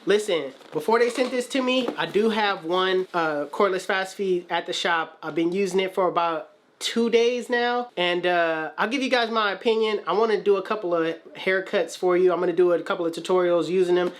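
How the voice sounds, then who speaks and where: A man's voice: high voice, moderate pace. A man who is a barber hosts a casual haircut tutorial, talking in a laid-back, slangy, chatty way in his shop. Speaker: barber and channel host. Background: music.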